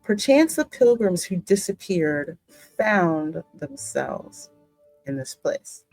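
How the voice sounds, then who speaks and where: Her voice low and sing-song, a little mellow, a woman reads a story game's narration slowly for her gaming channel and comments aloud as she goes. Music runs behind her, and the recording is rough.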